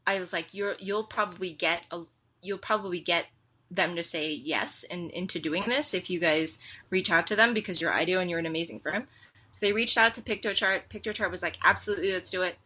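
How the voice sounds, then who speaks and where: An American woman, an education technology director, telling stories in a casual interview with lots of quoted asides and fillers. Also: medium pitch. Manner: animated storyteller, quick with fillers and quoted asides. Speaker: edtech director, podcast guest.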